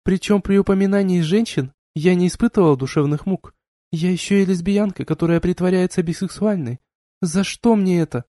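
A man's voice: high-pitched, brisk, warm tone, no echo, clean studio sound, voice pushed up, close to an everyday voice. A man voicing a flustered young spacewoman. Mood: distressed. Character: flustered young woman crew member, ashamed and confused.

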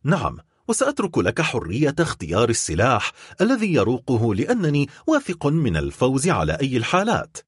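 A man's voice: mid-range voice, huge pitch swings, a little fast, husky, no echo, clean studio sound. A man voicing a cold, vengeful middle-aged nobleman who speaks with harsh, biting sarcasm in an audiobook reading. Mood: cold bitter.

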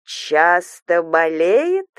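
A spiteful older mother-in-law, put on by a woman reading aloud, drawls her words slowly and coldly with a hissing edge. Her voice sits in a middle register, close and dry with no room around it. She sounds contemptuous, as in a spoken horror audiobook. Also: mid-range voice, lively intonation, no echo, natural voice. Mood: venomous. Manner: slow, cold, hissing and contemptuous. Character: harsh cruel older mother-in-law, venomous.

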